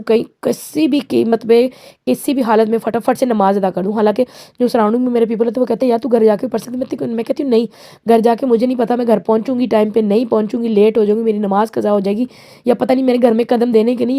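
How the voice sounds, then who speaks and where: Casual female home-cook vlogger, mellow tone, talky and rambling, mixes in English. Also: mid-range voice. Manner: chatty, rambling, sprinkles in English words. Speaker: home cooking vlogger and mother. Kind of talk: casual cooking vlog voice-over.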